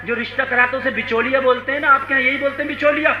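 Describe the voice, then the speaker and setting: A male Islamic preacher giving a dramatic sermon to a conference crowd, telling a story and building to shouts while urging the audience to call back. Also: very high-pitched, steady tone, roomy sound, muffled recording. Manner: dramatic, rising to shouts, coaxing the crowd to respond. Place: conference stage before a crowd.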